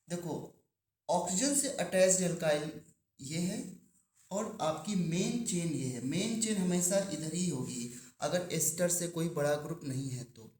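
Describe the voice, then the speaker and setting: A man's voice: a little high, a little mellow. Man teaching in an echoey classroom. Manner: questions the class and repeats key terms slowly. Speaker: chemistry teacher. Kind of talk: classroom lecture.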